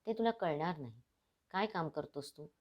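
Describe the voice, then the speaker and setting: A woman's voice: sits low, expressive, moderate pace, highs cut off. A woman reading the part of a stern, elderly male ascetic guru in a storybook narration.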